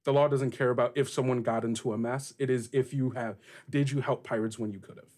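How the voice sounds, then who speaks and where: This game master guides a tabletop role-playing game, narrating and questioning players with slow, halting phrasing. His medium-pitched voice is a little mellow, with fairly even intonation.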